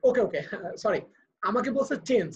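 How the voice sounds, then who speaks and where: A man's voice: very high voice, big pitch swings, moderate pace. Man, Bangladeshi accent, physics teacher, patient explainer, muffled video call audio. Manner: patient, explaining step by step, switching to English for terms. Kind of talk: live online lecture. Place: online live class.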